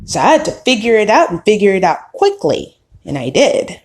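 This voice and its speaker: A woman in her thirties, a podcast host, telling her own story in a slow, candid and reflective way. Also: mid-range voice, sing-song. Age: 30s. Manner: slow, reflective, candid with occasional soft laughs. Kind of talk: personal storytelling monologue.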